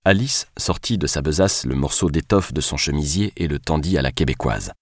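Deep dry-voiced guy reading a novel aloud, measured and even. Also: no echo. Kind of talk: audiobook narration.

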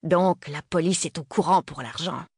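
Woman reading a gruff old gunman. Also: deep voice, no echo, clean studio sound. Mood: cold. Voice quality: rasping, slow and cold. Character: old armed male killer, gruff and menacing.

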